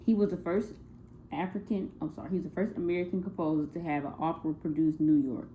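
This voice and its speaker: A young woman talks through a class music project in a low voice. She hesitates, fills gaps with "um" and "like," and keeps correcting herself. The recording is tinny and phone-like, with a faint hiss underneath. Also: fairly even intonation, quick pace. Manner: hesitant, many fillers and self-corrections. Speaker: student presenting a music project. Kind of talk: casual spoken class presentation.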